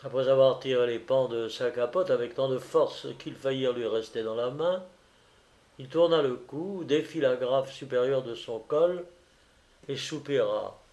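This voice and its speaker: A man narrating a literary story in a calm, measured way. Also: mid-range voice. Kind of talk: audiobook reading.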